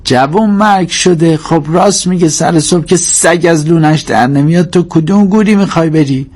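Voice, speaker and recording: A sharp-tongued old grandmother of the house, voiced by a male narrator, grumbles and scolds in a raised, thin voice. Her complaints come in a plaintive storytelling lilt. It is an audiobook figure. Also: fairly high pitch, animated, breathy edge, pitched above the performer's own voice. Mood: scolding.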